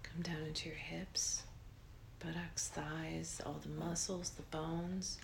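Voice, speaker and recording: Low, hushed woman guiding meditation, soft whispery. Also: level tone, gravelly, noisy background. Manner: slow, soothing delivery with long pauses. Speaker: meditation guide. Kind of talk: guided meditation in a soft, breathy near-whisper.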